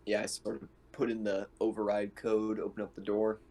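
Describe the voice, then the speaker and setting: A man with a lowish, warm voice and a completely flat delivery speaks briskly while playing a tabletop roleplaying game. He chats informally in character, swearing as he describes his character's actions. Faint background noise is audible.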